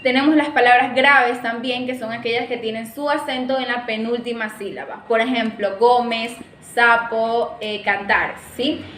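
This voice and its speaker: A woman's voice: on the high side, fairly even intonation, normal speed, few pauses, a bit bright. Young woman student explaining stuff to the class, keeps checking in with "right?", roomy echo and a bit of hiss. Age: young adult. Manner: explains, often adds a checking "¿sí?". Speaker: student presenter. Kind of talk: class presentation.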